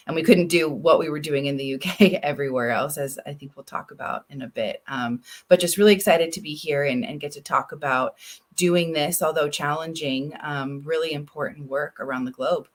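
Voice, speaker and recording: A woman's voice: sits low, brisk. A woman on a panel introducing her corporate diversity work, talking with frequent hesitant fillers. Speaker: corporate DEI lead. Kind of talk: panel discussion.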